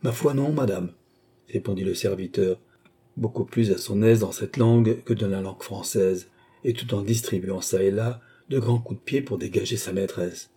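A man narrating a classic novel as an audiobook with a steady, expressive reading. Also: lowish voice, moderate pace, husky.

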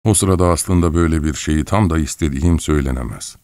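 A man reading a first-person audiobook story in an expressive, wry storytelling manner. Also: rumbling low, fast, no echo, clean studio sound. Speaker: audiobook narrator.

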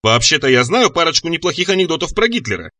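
A man's voice: a little high, sing-song, fast, sharp tone, no room sound, full character voice. A man voicing a wry young man who speaks in a dry, offhand way.

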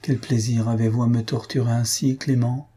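A man's voice: medium pitch, level tone, normal speed, dark tone, slightly rough, close to an everyday voice. A man reading the lines of a proud, guarded noblewoman in a cool, composed way.

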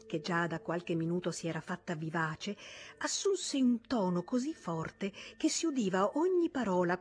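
A woman reading a novel aloud in a measured storytelling manner. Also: fairly low pitch, a little mellow, husky. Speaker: audiobook reader.

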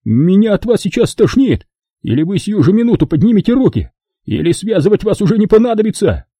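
A man voicing a hot-tempered American crook who barks orders in exasperation, with a husky voice. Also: high voice, very animated, measured pace, no room sound, clean studio sound, voice pushed up, heavily acted. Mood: angry. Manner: barking, exasperated shouting. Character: hot-tempered American male kidnapper, fed up.

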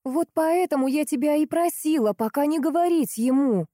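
A woman reading aloud plays an irritable young woman who bristles and answers with sarcasm. Her voice sits higher than the narration and carries a mellow warmth, recorded dry for an audiobook. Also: big pitch swings, moderate pace, dry recording. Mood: irritated. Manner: grumbling, sarcastic.

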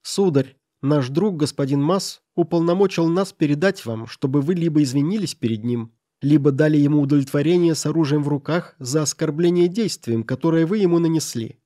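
Brief: man reading a pompous formal clerk, solemn, slightly raised pitch. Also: fairly quick, hardly any pauses, mellow, dry recording, clean studio sound, natural voice. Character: stiff formal male clerk acting as second.

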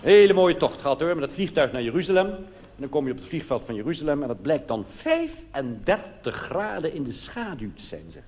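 This cabaret comedian has a darkish voice on the high side and talks briskly and with great animation. He has a Netherlands Dutch accent and tells a comic monologue on a theatre stage in a conversational way rich with colloquial asides, recorded live in a noisy, reverberant hall.

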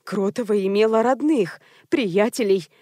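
A soft-spoken, fretful older actress who hesitates and worries over every word, as a woman narrator plays her. The recording is dry and close, as in a studio audiobook. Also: mid-range voice, measured pace, no echo, natural voice. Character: timid older actress, anxious mother-in-law.

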